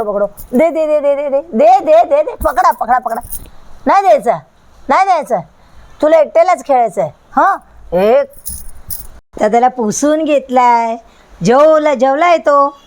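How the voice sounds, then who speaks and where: A woman vlogging as she coaxes her pet dog in repetitive baby talk. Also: a little high. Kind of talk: casual vlog talking to her dog.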